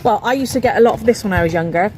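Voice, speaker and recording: A woman talking casually and cheerfully, laughing between remarks. Her voice is mid-pitched, with faint hiss behind it. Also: racing. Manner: chatty, laughing. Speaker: interviewee. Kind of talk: casual chat.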